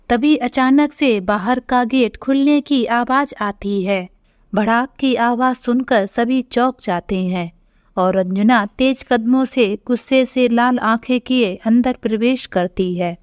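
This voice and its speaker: Woman narrator, slow and measured, higher pitch, dull lo-fi sound. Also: a little mellow, clear, resonant tone, dry recording, studio quality. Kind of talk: scripted story narration. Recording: dull lo-fi recording.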